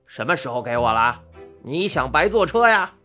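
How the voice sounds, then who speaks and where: A woman putting on a gruff, bullying cart driver. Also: very deep voice, sing-song, normal speed, fairly bright tone, soft background music, voice pushed down, exaggerated voice. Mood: rough, scornful. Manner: gruff and scornful. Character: rude, bullying adult male cart driver.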